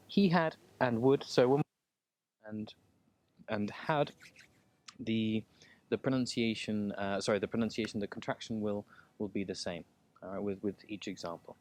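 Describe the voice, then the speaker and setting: A man teaching English from a textbook, calmly explaining and repeating words so learners can practice pronunciation. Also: fairly low pitch.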